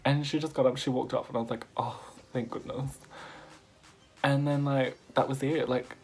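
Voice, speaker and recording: A man telling a story in a casual vlog, animated and laughing, swearing freely as he goes. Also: medium pitch, quick pace, soft background music. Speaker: vlogger.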